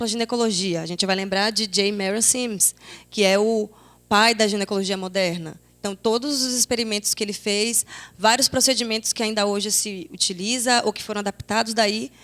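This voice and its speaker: A young woman in her twenties speaks with a Bahian accent, her voice sitting a little high. She talks as a panel guest, reflective and searching, circling back and restarting as she works through her thoughts. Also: fairly bright tone. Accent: Bahian Brazilian Portuguese. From Salvador, Bahia, Brazil. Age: 20s. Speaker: panelist, theatre critic.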